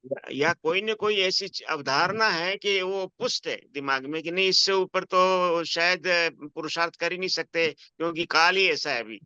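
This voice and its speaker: Bright, crisp-voiced man asking thoughtful questions. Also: fairly high pitch, dry recording, lo-fi sound. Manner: thoughtful, halting, searching for words. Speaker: conversation partner asking questions. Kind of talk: casual spiritual discussion.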